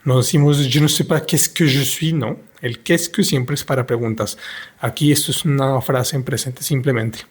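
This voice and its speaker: A man with a somewhat husky, breathy voice gives a patient language lesson. He explains slowly, pausing often as he reads short lines and translates them. His pitch sits in an ordinary middle range. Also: fairly even intonation. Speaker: French teacher.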